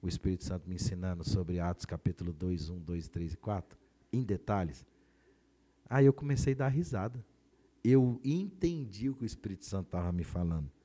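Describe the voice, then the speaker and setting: A Brazilian man, a pastor, shares a personal testimony on a podcast. His voice is low-pitched and very dark and mellow. He tells the story in an animated way and acts out the voices of other people in it. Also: brisk. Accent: Brazilian Portuguese.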